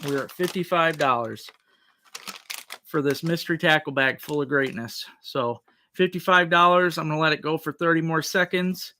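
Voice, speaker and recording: A man's voice: on the high side, normal speed, pushed and bright. A man hosting a casual livestream auction, repeating the current bid in a folksy auctioneer's manner.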